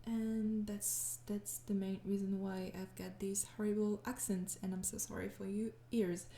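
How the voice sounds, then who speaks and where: In this echoey room, with a little background noise, a young woman from France speaks in a creaky, mid-range voice that barely moves in pitch, at a measured pace. She makes ASMR audio and is doing a relaxed, quiet Q&A with fans. Tired and apologetic, she hesitates, gives frequent soft laughs, and drifts into whispering.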